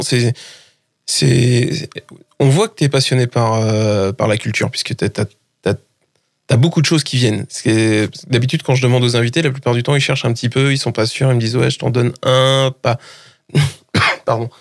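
Male radio host in a dry studio, mid-pitched and easygoing, encouraging his guest and stumbling through restarts. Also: no echo. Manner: relaxed, encouraging, many restarts. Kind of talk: casual radio interview.

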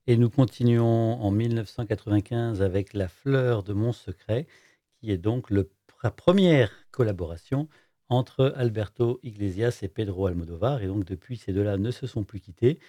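A man's voice: on the low side, moderate pace, warm tone, dry recording. A man hosting a radio show about film music, talking in a chatty way with many fillers and self-corrections. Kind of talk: casual radio presentation.

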